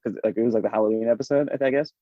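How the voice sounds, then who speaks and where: Guy rambling on a podcast, animated, laughs a lot, kinda muffled dry audio. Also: lowish voice, racing, dry recording, soft background music. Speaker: podcast guest. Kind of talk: casual chat. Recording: dull, dry lo-fi sound.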